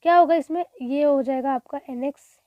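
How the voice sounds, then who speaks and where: High-voiced woman teaching chemistry revision. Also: moderate pace, no room sound, dull audio. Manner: asks and answers own questions, repeats key terms; mixes Hindi with English phrases. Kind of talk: exam revision lecture.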